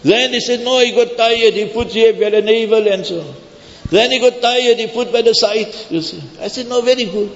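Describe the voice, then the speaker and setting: A man's voice: very high voice, moderate pace. A man preaching informally, telling stories conversationally and addressing his listeners directly. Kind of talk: informal sermon with storytelling. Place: large echoing hall, speaking to a gathering. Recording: muffled, reverberant large hall.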